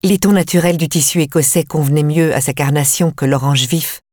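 A woman reads a first-person audiobook in a calm, measured way. Her voice sits low. The recording is close and dry, with no room sound. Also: no echo. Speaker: audiobook narrator.

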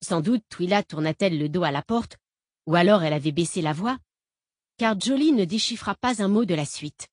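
A woman narrating an audiobook in an even, measured reading voice. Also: lowish voice, no echo, clean studio sound.

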